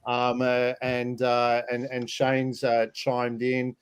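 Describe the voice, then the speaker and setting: Male stream host, casual, halting delivery, ordinary mid voice. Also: mid-range voice, completely flat delivery, clean tone. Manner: halting, many fillers and restarts. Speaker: livestream host. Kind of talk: casual livestream chat.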